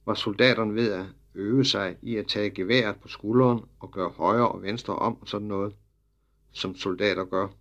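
A man reading a children's story aloud as narrator, in lively storytelling that drops low for the speech tags. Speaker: audiobook narrator.

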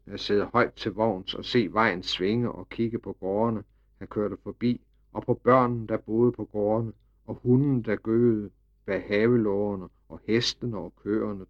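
Man narrating a storybook, slightly dull sound. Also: on the low side. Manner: lively, expressive storytelling. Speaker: audiobook narrator.

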